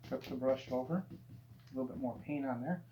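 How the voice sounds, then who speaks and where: A man teaching painting in a gentle, easygoing, encouraging way, casually talking through each step as he demonstrates. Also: medium pitch, moderate pace. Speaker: painting instructor. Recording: dull, roomy sound with faint hum.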